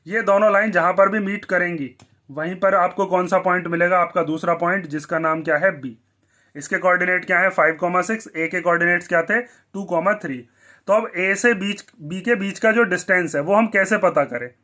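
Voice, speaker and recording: High, bright-voiced male maths teacher. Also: fairly quick. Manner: asks the class questions and answers them himself. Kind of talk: blackboard maths lesson.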